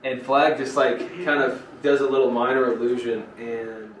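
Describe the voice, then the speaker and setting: A man's voice: medium pitch, steady tone, normal speed. A man narrating a tabletop game as dungeon master, casual and rambling with many fillers. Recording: roomy, distant, noisy home recording.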